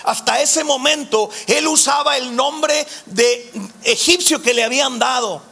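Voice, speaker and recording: A man leads a Bible study in a strikingly high voice with a gravelly edge. His tone is bright and forceful as he speaks emphatically and calls on the listeners directly. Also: unhurried. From Mexico.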